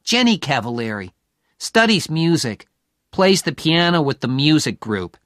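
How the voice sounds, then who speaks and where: A man's voice: fairly high pitch, sing-song, unhurried, fairly bright tone, dry recording, studio quality, voice pushed up. A man voicing a cheeky, nosy male college roommate in an audiobook reading. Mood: matter-of-fact.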